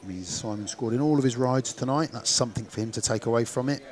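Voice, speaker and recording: Here the same West Country commentator talks quickly in a mid-range voice, hosting a stream and calling speedway in a relaxed, informal way as ideas come to him. A stadium crowd can be heard around him outdoors.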